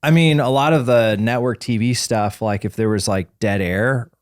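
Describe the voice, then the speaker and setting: A man in his forties talks in loose, rambling casual chat, full of fillers and restarts. His voice sits at a middle pitch, close to the mic in a dry, dead room. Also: moderate pace, no echo. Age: 40s. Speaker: podcast co-host.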